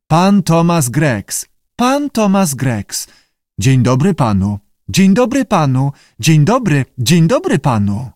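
A man voicing a polite, croaky male salamander who parrots human speech in slow, halting syllables. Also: fairly high pitch, huge pitch swings, a little mellow, dry recording, clean studio sound, pitched above the performer's own voice, full character voice. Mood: parroting.

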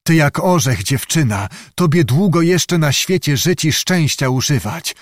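A brash young giantess witch, as a male narrator puts her on coaxes in a folksy storybook voice. The voice sits a little above his own and carries loud and forward, with a dry close sound. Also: on the high side, expressive, measured pace, dry recording. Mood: coaxing. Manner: coaxing, folksy speech.

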